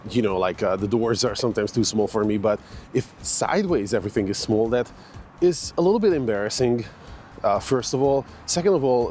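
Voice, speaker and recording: Medium in pitch and a little mellow, the voice belongs to a Hungarian fitness vlogger in his 40s. He chats informally, with lots of fillers and restarts, as he walks through a park on a morning outing for his vlog.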